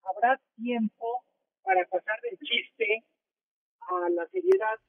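A man's voice: extremely high pitch, expressive, slow, gravelly, no echo. A man with a Mexican accent, a newspaper editor, explaining carefully in a phone interview. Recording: tinny phone line.

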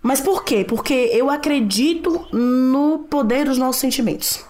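A woman talking in a casual conversation about raising her children, earnest and animated, acting out quotes as she tells her stories. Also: high-pitched, a little slow. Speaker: mother and podcast guest.

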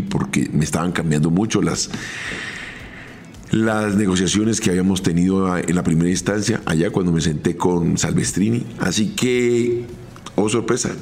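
A middle-aged man with a Colombian accent, a former footballer telling his own career story in a measured, step-by-step podcast monologue. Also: sits low, a little mellow. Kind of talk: first-person podcast storytelling.

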